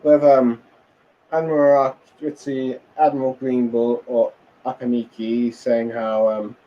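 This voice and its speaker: A man's voice: medium pitch, level tone, slow pace, highs cut off. Rambling man recapping a comic chapter. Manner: rambling, many fillers and restarts. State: tired, yawning. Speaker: manga reviewer.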